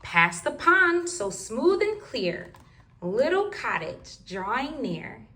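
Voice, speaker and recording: A woman's voice: on the high side, big pitch swings, slow pace, pushed and bright, a little hiss or hum. A woman reading rhyming picture books aloud to toddlers in a sing-song, rhythmic way. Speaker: children's book reader.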